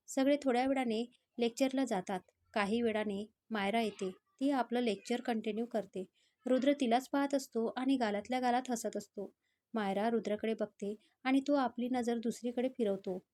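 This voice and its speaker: Woman storyteller, steady reading, slightly high and mellow. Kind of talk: scripted story narration.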